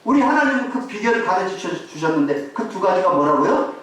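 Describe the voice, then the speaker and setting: A male pastor preaching a sermon to his congregation, telling a story in an animated way and asking the listeners rhetorical questions. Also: sits high, quick pace, distant mic. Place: church sanctuary. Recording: very echoey hall, voice off-mic, faint hiss.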